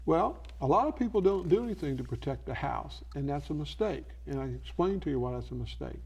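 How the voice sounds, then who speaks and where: A man's voice: a little high, animated, brisk, gravelly, darkish tone, husky, muffled recording. A man speaking as an advising expert in an infomercial interview, explaining didactically by posing questions and answering them himself. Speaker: elder law expert giving advice.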